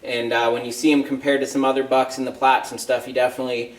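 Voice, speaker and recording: A man's voice: mid-range voice, level tone, fast, roomy sound, far from the mic. A middle-aged American man talking casually to camera as a hunting vlog host, conversational and matter-of-fact.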